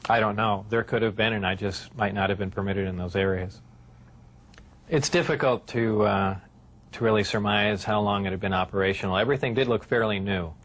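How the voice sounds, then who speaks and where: A man answering interview questions in a hesitant way with many filler pauses, heard from a worn VHS tape copy. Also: on the low side, fairly bright tone. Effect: worn VHS tape copy with faint hiss.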